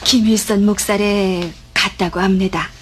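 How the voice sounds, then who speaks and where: A woman's voice: medium pitch, steady tone, unhurried, natural voice. A woman playing a dutiful, deferential church deacon in a radio drama, with a North Korean Pyongan accent. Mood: hesitant.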